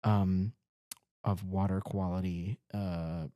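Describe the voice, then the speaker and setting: A man's voice: sits low, flat delivery, slow pace, warm tone, dry recording, studio quality. A young man reporting farm news in a casual, jokey rundown, stumbling over place names now and then.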